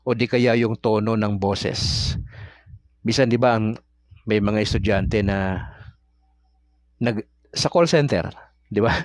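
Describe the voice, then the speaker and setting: A Filipino man with a fairly low voice teaches in a relaxed, chatty way and keeps asking his listeners questions. The recording is dry and close, with little room sound. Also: dry recording. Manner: conversational, asks the audience questions often. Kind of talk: casual talk-style teaching.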